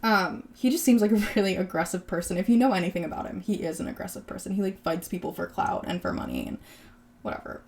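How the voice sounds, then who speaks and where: A woman's voice: lowish voice, lively intonation, fast, vocal fry, a little mellow. A woman in her twenties hosting a podcast, chatting casually and sarcastically about celebrity gossip, with lots of "like". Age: 20s. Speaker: podcast host.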